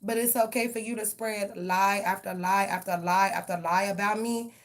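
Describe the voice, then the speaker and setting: A woman's voice: mid-range voice, fairly even intonation, moderate pace. A woman giving a live tarot reading and ranting bluntly, with heavy profanity. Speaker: tarot reader.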